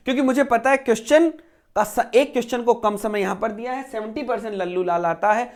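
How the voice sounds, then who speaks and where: A man teaching an exam preparation lecture, asking himself rhetorical questions and repeating key phrases to drive each point home. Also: sits high.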